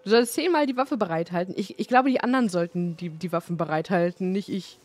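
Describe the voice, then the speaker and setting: A woman's voice: lowish voice, fast talker, a little mellow. Playful, chatty woman streaming a game. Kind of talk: casual gameplay commentary. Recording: faint game music behind. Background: faint music from the game.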